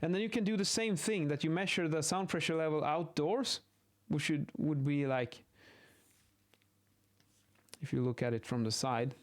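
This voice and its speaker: In an informal lesson improvised while he sketches, an acoustics instructor walks through measurement methods, thinking out loud and catching his own mistakes. His voice sits on the high side and he keeps a moderate pace.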